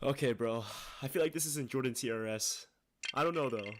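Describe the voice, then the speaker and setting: A man's voice: mid-range voice, fairly quick, over music. A young man giving casual online commentary in a slangy, incredulous way.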